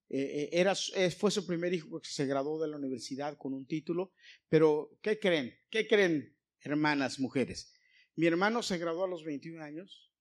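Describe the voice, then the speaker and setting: A Mexican man with a Mexican Spanish accent preaches a sermon in a church, telling stories and putting questions to his congregation. His voice sits on the high side with a darkish tone.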